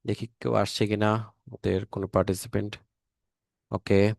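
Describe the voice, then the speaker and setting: A man's voice: on the low side, flat delivery, normal speed, vocal fry, darkish tone, no echo, clean studio sound. A man with a Bangladeshi Bengali accent teaching an online language lesson, repeating each word several times with many fillers.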